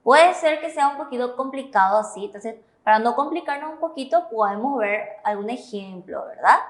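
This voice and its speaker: A woman teaching Korean pronunciation in Spanish with a Paraguayan accent, explaining slowly and patiently and checking in with her students. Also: a little high, reverberant. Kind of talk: slow, careful classroom explanation.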